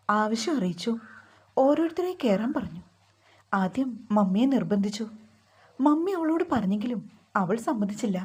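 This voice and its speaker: A woman narrating a romantic storybook in a gentle, even reading voice. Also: a little high, slightly rough.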